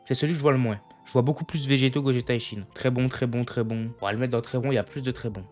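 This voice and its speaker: This gaming streamer, a young man, talks very fast in a steady, somewhat dark mid-range voice while soft music plays underneath. It's casual live chat: he reasons aloud and keeps saying "les gars" to his viewers.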